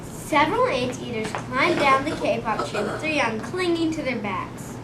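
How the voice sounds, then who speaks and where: High-voiced female story narrator, distant. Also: expressive, moderate pace. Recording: noisy, echoey room, far from mic.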